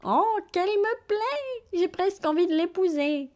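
Storybook dwarf, tiny man, squeaky and swooning, very high and sing-song, slow, put on by a woman narrator. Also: lively intonation, darkish tone. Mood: smitten. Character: tiny lustful male dwarf.

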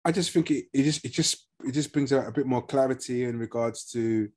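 A man with a medium-pitched voice talks casually as a podcast co-host. He circles back and repeats phrases while working out what he means. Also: a little fast, warm tone. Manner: repeats phrases as he works out his point. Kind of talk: casual TV review chat.

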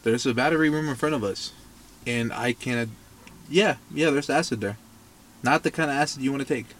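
A man's voice: medium pitch, fairly quick, a bit bright, a little hiss or hum. A man from Mexico chatting casually, joking and sarcastic, swearing often. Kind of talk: casual profane chat.

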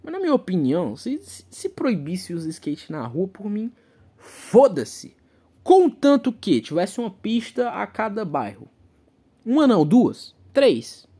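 Husky young Brazilian man, lively swearing comic rant. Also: high-pitched, unhurried. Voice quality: profane, ranting.

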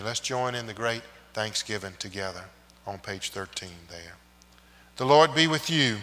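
A man, a pastor, leading liturgy and prayer in a measured way, his phrases trailing off quietly, with a long cathedral-like echo. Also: mid-range voice. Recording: long echoing reverb of a large church.

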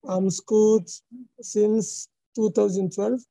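A woman's voice: mid-range voice, fairly even intonation, slow, creaky, dark tone, dry recording, low-quality recording. A woman in her twenties from Niger, introducing herself briefly on a panel. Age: 20s. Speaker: scout panelist.

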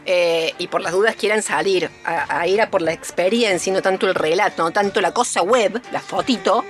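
Argentine woman, quiz host, playful teasing chat, medium pitch, faint music behind. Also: moderate pace. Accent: Argentine Spanish. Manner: joking, teasing, digressive.

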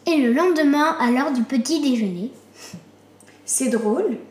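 A woman reading a children's story aloud in a slow, clear storytelling manner. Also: sits high, a little mellow. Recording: roomy echo.

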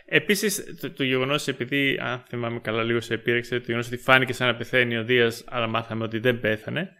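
Greek dude on a podcast, kinda bright voice, lots of ums while he thinks. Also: mid-range voice, steady tone, clear, resonant tone. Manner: hesitant, many fillers while reasoning. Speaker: podcast co-host. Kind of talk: casual film discussion.

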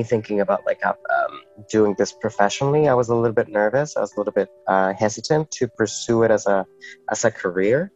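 A young man from Mexico, a guest on an interview show, speaking casually and animatedly with frequent restarts. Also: fairly low pitch. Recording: dull lo-fi sound.

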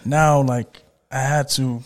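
Young male musician guest, relaxed and easygoing, conversational delivery. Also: medium pitch, takes it slowly. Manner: laid-back, frequent "you know what I'm saying". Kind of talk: casual interview chat.

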